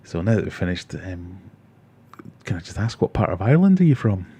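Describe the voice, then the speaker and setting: Sitting low in pitch, his voice is warm and creaky, very animated and a little fast, with slight background noise behind it. He's a forty-something livestream host from Scotland with a Glasgow accent, casually chatting, reading comments and telling self-mocking stories.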